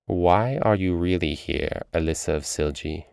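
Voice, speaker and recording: A man reading the part of an aloof, ageless female witch, speaking slowly and tersely. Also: deep voice, creaky, a little mellow, clean tone, no room sound, studio quality. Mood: cold, curt.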